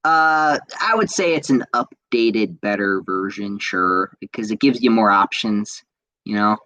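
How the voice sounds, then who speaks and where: A man's voice: lowish voice, lively intonation, a little slow, bright, forceful tone, no room sound, poor audio. Rambling young man, dry close sound. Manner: rambling, enthusiastic, frequent fillers and restarts. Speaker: podcast host reading viewer comments. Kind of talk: casual chat.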